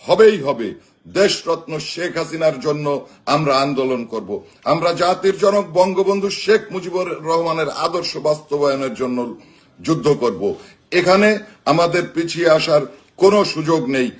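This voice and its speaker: A man with a Bangladeshi accent delivers a rousing political address to supporters, emphatic and declamatory, in short measured phrases. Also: on the high side. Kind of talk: rousing political speech, live broadcast address.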